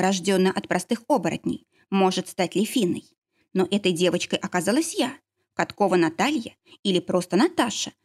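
A woman narrating a first-person story in an expressive, emotional reading. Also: mid-range voice. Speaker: audiobook narrator.

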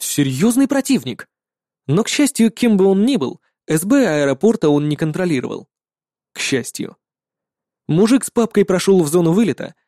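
A man narrates a first-person story in a calm, matter-of-fact way. His voice sits a little high but sounds mellow and dark. The delivery is steady and unhurried. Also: no echo, studio quality.

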